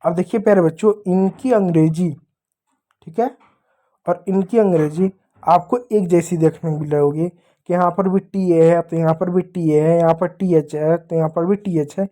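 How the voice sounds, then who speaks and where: Mellow-voiced male teacher, patient with kids, spells things out slowly. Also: a little high, steady tone. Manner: slow, patient, repeats points to young pupils; spells out letters slowly one by one. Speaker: English teacher. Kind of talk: explaining to children.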